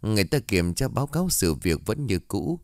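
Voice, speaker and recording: A man narrates a horror story in a steady, measured way. His voice sits very low. The recording is dry, with no room sound. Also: no room sound. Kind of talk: scripted narration of a horror tale.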